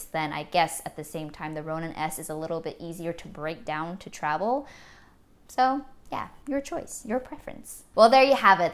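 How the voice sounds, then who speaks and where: A woman videographer giving an upbeat, chatty product review in a vlog. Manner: upbeat and chatty, with lively jumps in pitch. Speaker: videographer reviewing camera gear.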